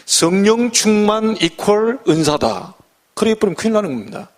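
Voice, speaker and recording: A man's voice: high-pitched, normal speed, creaky. A middle-aged male pastor giving a folksy sermon full of humor and rhetorical questions.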